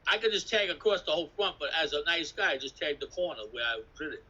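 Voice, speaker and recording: Older new guy on a video call, husky and bright, tells loose street stories and swears a lot. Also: a little high, animated, quick pace, muffled recording. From New York City. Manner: swearing, laughing, jumps between stories. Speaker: interviewee, graffiti artist. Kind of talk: rambling casual storytelling. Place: indoors at an artist residence.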